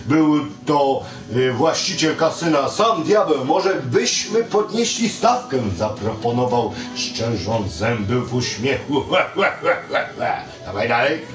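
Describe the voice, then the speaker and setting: Father, reading game story aloud and coaching his son, with self-corrections. Echoey room, distant mic. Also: mid-range voice. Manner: reads aloud with stumbles and self-corrections, animated on quoted lines. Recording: roomy, distant mic, game music behind. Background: video game music.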